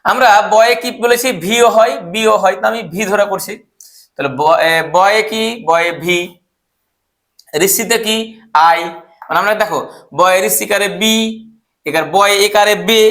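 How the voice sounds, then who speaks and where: A man with a high voice teaches spelling. He poses a question, then answers it himself, and works through each word letter by letter. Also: fairly bright tone. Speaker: English teacher. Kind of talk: explaining spelling step by step.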